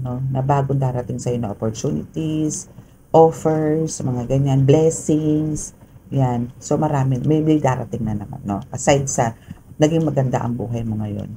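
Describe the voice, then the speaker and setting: A tarot reader with a Filipino accent talks through a casual reading in a very dark, mellow tone with a gravelly fry underneath. The delivery is chatty, with fillers and a steady run of tag questions to the viewer. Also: mid-range voice, slight background noise, rough recording.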